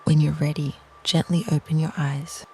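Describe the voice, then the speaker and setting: A guided meditation narrator speaks in a mid-range, creaky voice heavy with vocal fry. Her delivery is slow, soft and soothing, nearly a whisper, with a level tone and little melodic movement, over faint ambient noise.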